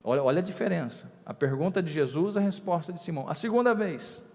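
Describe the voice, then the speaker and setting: High-voiced preacher in a reverberant hall. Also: male voice, lively intonation, fast, darkish tone. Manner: emphatic, rising and drawing out key words. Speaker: bishop preaching. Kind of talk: sermon.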